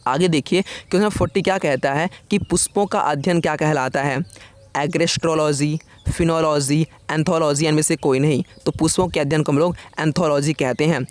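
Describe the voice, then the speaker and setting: A male coaching teacher running a fast exam-prep quiz. He reads each question and its options in a quick list, then gives the answer in a casual, friendly way. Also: on the high side, steady tone. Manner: quick, casual, keeps saying "yaar" to the viewer. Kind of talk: rapid-fire quiz revision lesson.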